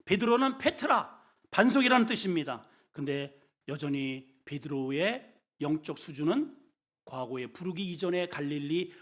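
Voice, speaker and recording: A male senior pastor preaching a sermon in a folksy, colloquial way, swinging between hushed and loud, emphatic lines. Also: on the high side, lively intonation, normal speed. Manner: folksy, colloquial storytelling with humor.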